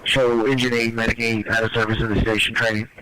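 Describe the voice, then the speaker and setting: A man's voice: medium pitch, flat delivery, fast talker, sharp tone, poor audio. Male unit operator on a police radio, terse status calls, light static. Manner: terse unit call-outs. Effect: police radio transmission.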